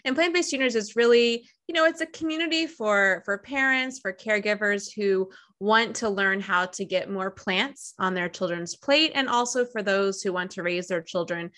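A woman's voice: medium pitch, moderate pace, hardly any pauses, a bit bright. A woman in her thirties with an American accent, chatting informally as a dietitian guest in a podcast interview. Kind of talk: casual interview chat.

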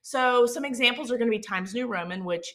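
A woman from Mississippi in the United States, with a Southern Mississippi accent, hosts an instructional podcast about branding and marketing. She explains things in an informal, conversational way and often checks in with the listener. Her voice is fairly high, bright and pushed, and she talks briskly.

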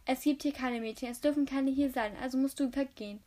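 A woman reading aloud and voicing a furious, bossy boy who rules an island, shouting and ranting. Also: sits high, steady tone, quick pace, close to an everyday voice. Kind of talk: amateur audiobook reading.

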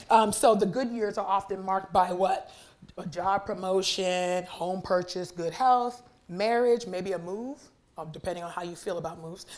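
A young guest preacher with a raspy, medium-pitched voice delivers a sermon with prayer in a church sanctuary. She's hoarse after a weekend of talking, yet chatty and warm with the congregation, asking them to respond.

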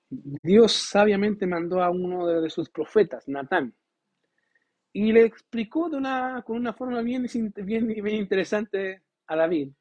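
A man preaching a sermon to his congregation, asking them questions and acting out quoted dialogue in a lively way. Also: sits high, breathy edge. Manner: lively, voices God and biblical figures in quoted dialogue. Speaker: pastor. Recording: dull lo-fi recording.

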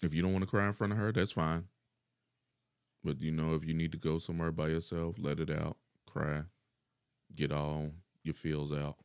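A man's voice: a bass voice, little pitch movement, moderate pace, clean tone, dry recording, clean studio sound. A middle-aged man chatting casually as a podcast guest, laid-back and profane, laughing often.

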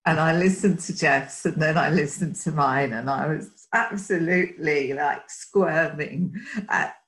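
A woman's voice: low-pitched, unhurried, fairly bright tone. A woman with an Essex accent, chatting casually as the host of an interview. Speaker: podcast host, coach trainer.

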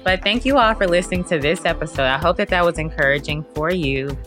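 A woman's voice: on the low side, fast talker, music in the background. A woman hosting a faith podcast, talking earnestly and conversationally with lots of fillers. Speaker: podcast host.

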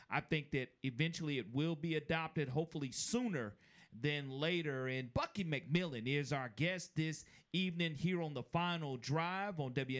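Male radio host, slightly high-pitched, upbeat, lifts his voice on stats. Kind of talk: sports radio interview.

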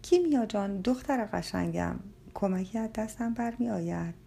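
A woman voicing a kind, fatherly older male spiritual master in a storybook reading, speaking gently and affectionately. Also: medium pitch, lively intonation, creaky, a little hiss or hum. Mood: gentle. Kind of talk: audiobook character voice.

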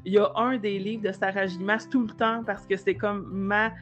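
A woman's voice: medium pitch, little pitch movement, normal speed, fairly bright tone, soft background music. A woman with a Québécois accent hosting a casual podcast interview, enthusiastic and affirming. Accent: Québécois French. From Quebec. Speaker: podcast host.

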